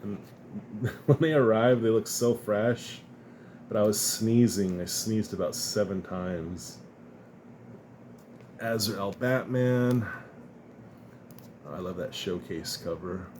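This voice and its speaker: Speaking slowly with long pauses, a man with a lowish voice rambles through his comic and card haul for his collector vlog, and a faint hiss or hum runs under the audio. He chuckles often, stays relaxed, and sounds sniffly from dust.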